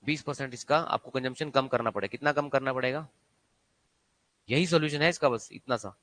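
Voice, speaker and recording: Bright-voiced man teaching maths. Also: medium pitch, brisk. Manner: quizzing students with repeated rhetorical questions. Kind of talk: exam-prep maths lesson.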